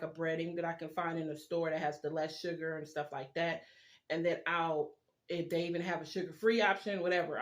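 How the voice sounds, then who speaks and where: Casting: mid-pitched food vlogger, informal and rambling, chewing while talking. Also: a bit bright. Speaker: video blogger. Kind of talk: casual chat while eating, mukbang style.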